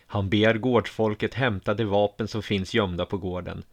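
A man narrating a first-person audiobook story in a calm, measured way. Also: lowish voice.

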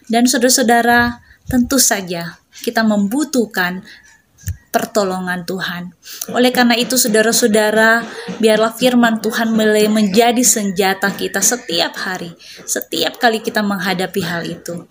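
A woman delivers a sermon at a measured, emphatic pace. She keeps turning to her listeners as brothers and sisters, her voice pitched in a middle range. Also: fairly bright tone, a little hiss or hum. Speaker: preacher.

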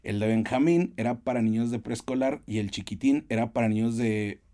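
Warm-toned and medium-pitched, this podcast guest talks a little fast while sharing stories in a relaxed interview. He is a Mexican man in his forties, and his telling is full of fillers and restarts.

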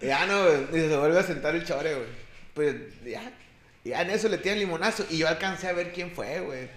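Young mexican guy, higher voice, spinning a slangy barroom tale in an echoey room. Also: fairly quick, fairly bright tone. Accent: Mexican Spanish. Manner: slangy, peppers every phrase with a filler, acts out voices in quotes. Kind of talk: casual storytelling chat.

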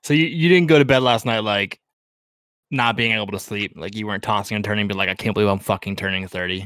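A man in his mid-twenties with a deep baritone voice, co-hosting a casual podcast chat, laid-back and swearing casually. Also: fast talker, a bit bright, smooth, dry recording, studio quality. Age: 20s. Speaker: podcast co-host.

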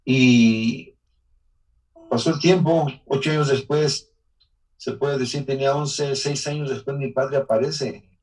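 A Mexican-accented man recounts his own life in an interview, earnest and emotional, now and then stopping to restart a sentence. His pitch sits in an ordinary middle range. The voice sounds a little distant from the microphone. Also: steady tone, a little slow, a little mellow. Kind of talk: personal life testimony.

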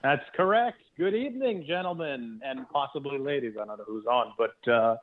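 Phone-in guest, male, thin bassless telephone sound, loose rambling banter. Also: expressive, moderate pace. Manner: rambling, joking, self-interrupting. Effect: thin phone-line sound with no bass. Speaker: podcast guest calling in. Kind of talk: casual podcast chat. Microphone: regular phone. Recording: tinny phone line.

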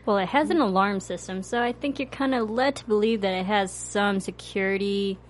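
A woman in her twenties co-hosting a TV recap chat, speaking earnestly and thoughtfully with halting restarts. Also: medium pitch, a little hiss or hum. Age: 20s. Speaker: co-host.

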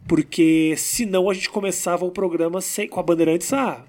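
A man, a comedian, chatting in a casual interview, talking slowly and deliberately with pauses. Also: high-pitched, fairly even intonation, darkish tone.

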